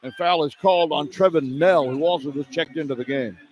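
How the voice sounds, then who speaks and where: Courtside in an indoor arena, an American radio announcer gives live play-by-play of a basketball game in short phrases following the action. He speaks fairly quickly in a slightly high voice; the audio is dull, with clear background noise from the live broadcast.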